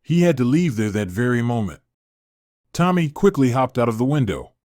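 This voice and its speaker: Guy reading a story out, even and measured, mid pitch, dry close sound. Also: no room sound. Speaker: narrator. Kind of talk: scripted narration.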